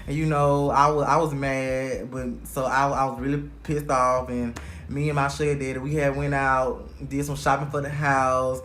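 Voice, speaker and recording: A young man telling a personal story straight to camera in a casual, animated way, swearing freely as he goes. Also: mid-range voice, normal speed, a little hiss or hum. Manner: animated, heavily profane storytelling.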